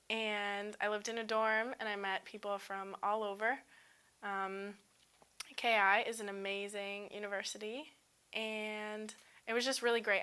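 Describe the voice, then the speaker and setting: Young female student, twenties, crisp bright tone, casual upbeat testimonial delivery. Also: medium pitch. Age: 20s. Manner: upbeat, casual, frequent ums and likes. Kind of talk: unscripted testimonial.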